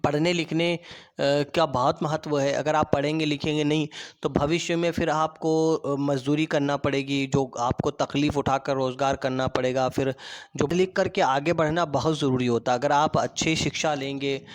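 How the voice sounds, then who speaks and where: A man teaching an online school class, patiently explaining words and pausing so pupils can repeat them, with many restarts. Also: a little high, fairly even intonation.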